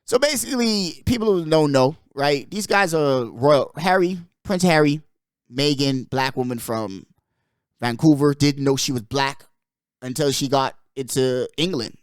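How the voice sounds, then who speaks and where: A man's voice: fairly high pitch, animated, unhurried, smooth, no room sound, clean studio sound. A young man from the Bahamas hosting his podcast, talking in a rambling, emphatic way and peppering his talk with "bro" and "like". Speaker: podcast host. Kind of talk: casual chat.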